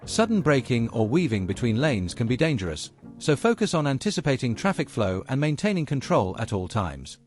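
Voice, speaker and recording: Animated male driving-lesson narrator over music. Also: mid-range voice. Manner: measured, explanatory, addresses learners directly. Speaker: driving instructor presenting a video lesson. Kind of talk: scripted instructional narration.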